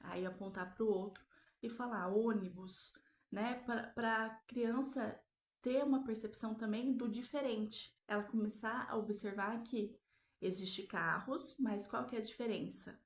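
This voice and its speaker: Gravelly-voiced woman teaching a lesson. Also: a little high, fairly even intonation, echoey room. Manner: explanatory, frequent tag questions, drawn-out pauses. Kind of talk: recorded lesson on child development.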